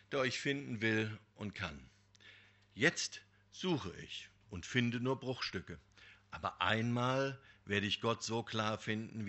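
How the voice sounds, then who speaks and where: A man preaching a sermon, telling a parable in a lively, emphatic way. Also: mid-range voice. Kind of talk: sermon with storytelling.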